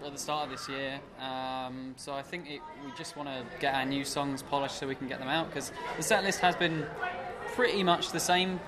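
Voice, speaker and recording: A Scottish man in a band, talking in an easygoing, halting way in an interview. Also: medium pitch, fairly even intonation, crowd noise. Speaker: band member. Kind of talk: casual interview chat. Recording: noisy background.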